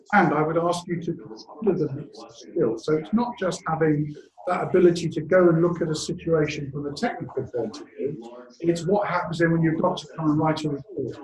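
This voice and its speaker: A man's voice: a little high, a little mellow. A man in his seventies moderating a panel discussion in a jovial, chatty way, with fillers. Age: 70s. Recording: echoey hall.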